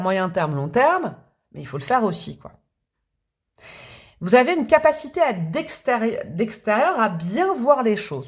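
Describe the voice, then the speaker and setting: A woman's voice: on the high side, darkish tone. A woman doing a tarot reading for the viewer, chatty and thinking aloud, with restarts and little hummed sounds. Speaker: tarot reader.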